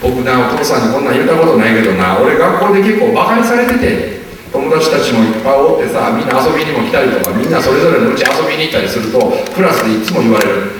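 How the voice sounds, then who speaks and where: An earnest, shy ten-year-old Kansai boy confides to his father, as a man acts him out. He speaks a little louder and with a Kansai lilt. A long hall reverb trails each phrase. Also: mid-range voice, big pitch swings, quick pace, recorded from a distance, a little hiss or hum, lightly acted. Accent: Kansai Japanese.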